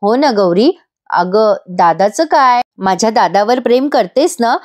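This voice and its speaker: A woman voicing a remorseful, warm young sister-in-law in a voice-over episode recap, earnest and apologetic. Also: fairly high pitch, expressive, unhurried. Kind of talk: voice-over recap reading a character's lines.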